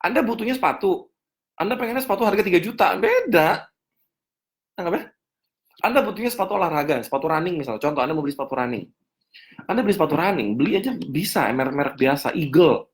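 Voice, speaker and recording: A man teaching a finance seminar as a coach, answering audience questions, repeating key points and checking understanding with quick questions. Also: high-pitched, big pitch swings.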